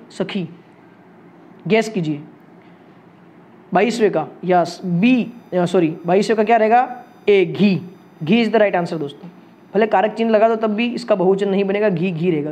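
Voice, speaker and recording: A young man teaches exam grammar in a lively, coaxing way. His voice sits noticeably high, and he keeps asking his viewers for answers. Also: highs cut off. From India. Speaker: Hindi exam coaching teacher. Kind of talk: solving test questions for viewers.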